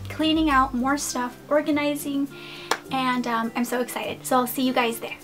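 A woman vlogger chatting casually to her viewers, gushing and fast-talking. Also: sits high, level tone, music in the background. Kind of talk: casual haul video talk. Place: home room.

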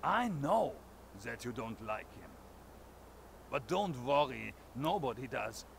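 An actor playing a German biker fixer in a video game, speaking broken English with a German accent. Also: male voice, medium pitch, very animated, slow pace, gravelly, a little hiss or hum, heavily acted. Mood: pleading. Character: gruff German biker man, nervous fixer.

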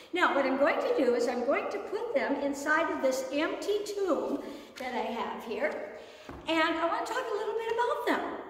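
A woman giving a lively chapel message to students and telling the story with acted voices. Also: high voice. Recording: echoey hall, mic far off.

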